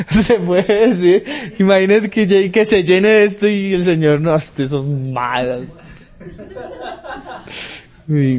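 A man preaching a sermon, talking through Bible passages and reading scripture louder. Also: a little high. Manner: conversational Bible teaching, rising loud for scripture readings.

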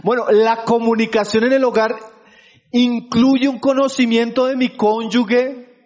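High-voiced male preacher, lo-fi. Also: flat delivery, unhurried, darkish tone. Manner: keeps asking the congregation for agreement; addresses listeners as brothers. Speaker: pastor. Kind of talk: sermon.

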